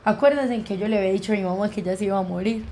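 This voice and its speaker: A woman's voice: mid-range voice, racing, dark tone, slight background noise. A young woman with a Colombian accent, a podcast guest telling a personal story and acting out the dialogue as she goes. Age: young adult. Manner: vivid retelling that acts out quoted dialogue.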